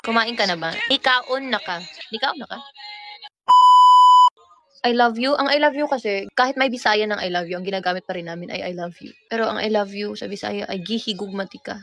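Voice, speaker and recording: A woman's voice: mid-range voice, fairly quick, gravelly. A young woman in her twenties with a Cebuano accent, chatting casually and teaching everyday phrases in a playful, giggly way. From Visayas, Philippines. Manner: playful, giggly, switches languages freely. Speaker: pop group member.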